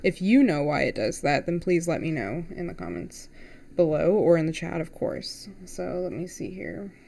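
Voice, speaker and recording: Gravelly low-voiced young woman rambling. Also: sing-song, normal speed, mellow. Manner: rambling, chatty, talks to herself as she works. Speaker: artist live-streaming a drawing. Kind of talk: casual live-stream chat while drawing.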